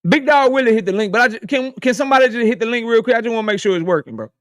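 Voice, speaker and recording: A man's voice: extremely high pitch, expressive, rapid-fire, dry recording, studio quality. A man in his thirties hosting a casual live stream, joking and roasting his viewers, laughing often. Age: 30s.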